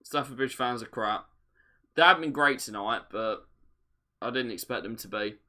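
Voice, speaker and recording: A man hosting a football watch-along, giving live match commentary and chat, excitable enough to yell at goals on screen. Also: medium pitch, normal speed.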